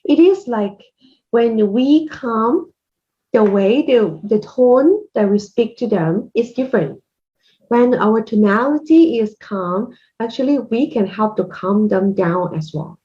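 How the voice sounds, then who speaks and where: A woman hosts a conversation over a video call and speaks very slowly, encouraging her guest as she asks questions. Her voice sits slightly high, and the call audio sounds muffled and lo-fi. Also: animated, mellow. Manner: unhurried, affirming interviewer. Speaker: host. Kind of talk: casual chat, video call.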